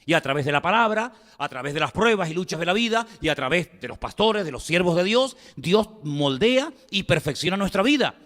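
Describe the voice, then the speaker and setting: A man's voice: high-pitched, big pitch swings, brisk, hardly any pauses, a bit bright, long reverb tail. A man with a Spanish accent from Spain preaching a sermon. He speaks with emphasis, repeats phrases and puts rhetorical questions to the congregation. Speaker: pastor.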